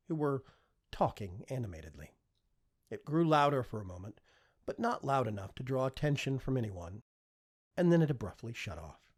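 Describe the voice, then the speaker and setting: A man with a mid-range voice narrates a fiction audiobook, delivering the scripted story expressively.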